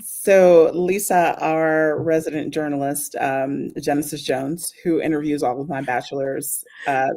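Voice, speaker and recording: A woman hosting the show, reading out questions in a relaxed, hesitant way. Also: sits low, measured pace, hardly any pauses. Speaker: host. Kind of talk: casual chat.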